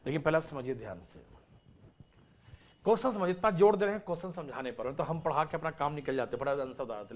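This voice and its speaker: A man's voice: mid-range voice, darkish tone. A man teaching maths in a live online class, repeating and stressing each step and urging students to listen, mixing English terms into his explanations.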